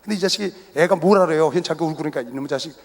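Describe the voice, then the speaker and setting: A middle-aged male pastor telling a personal story in a sermon, acting out family dialogue in an animated way in a large indoor arena. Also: on the high side, racing. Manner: animated storyteller who acts out family dialogue and laughs at himself. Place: large indoor sports arena used for worship. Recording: echoey arena hall.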